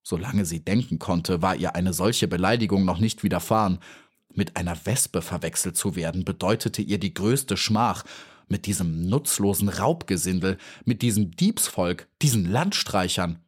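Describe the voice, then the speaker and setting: A man narrating a children's audiobook in a calm, even storytelling manner. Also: low-pitched, normal speed, breathy edge.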